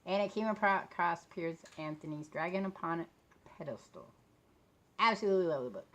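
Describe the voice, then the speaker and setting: Tired woman, low voice, swollen lip. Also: expressive, moderate pace, slight background noise. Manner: talking a bit funny from a swollen mouth. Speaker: vlogger talking about books and authors. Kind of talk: casual rambling chat.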